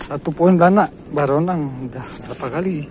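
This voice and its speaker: A man's voice: a little high, fairly quick, darkish tone, slight background noise. A man from Aceh commentating live on his own fishing trip, calling out and repeating short words whenever a fish bites. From Aceh, Indonesia. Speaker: fishing vlogger. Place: outdoors by the water.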